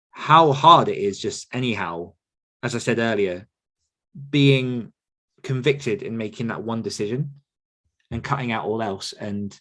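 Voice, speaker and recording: This man's voice sits at a medium pitch with a slightly bright tone. He hosts a podcast and coaches authors, answering questions in a casual, thoughtful way. He feels his way through his sentences and corrects himself as he reflects.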